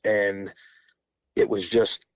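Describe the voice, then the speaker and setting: With a lowish, level voice and drawn-out words, this man in his forties is heard with no echo. He rambles through long stories as a casual podcast guest, often restarting and laughing between phrases.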